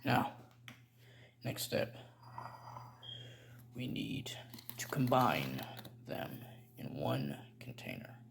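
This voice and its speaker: A man's voice: rumbling low, big pitch swings, drawn-out words, creaky, long pauses, in a whisper, exaggerated voice. A man playing a rambling, stammering middle-aged chemist cook in a comedic how-to tutorial. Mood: dry, instructive. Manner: rambling, stammering, self-correcting.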